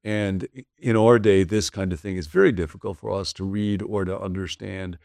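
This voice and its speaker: A man's voice: sits low, steady tone, moderate pace, creaky, a little mellow, no echo, studio quality. A man teaching a sermon-style video lesson, conversational and explanatory, reading scripture with casual asides. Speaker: pastor.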